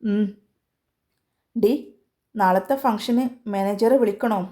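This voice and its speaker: A friendly older woman at the office in a storybook tale, chatty and coaxing as a woman reads her lines. She leans in and speaks in a hushed, confiding way. Her voice is mellow and low in brightness. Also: steady tone, takes it slowly, lightly acted.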